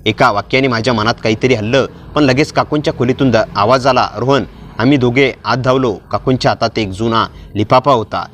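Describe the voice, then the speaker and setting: Guy narrating a dramatic story, steady delivery, first person. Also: medium pitch, brisk, hardly any pauses, slight background noise.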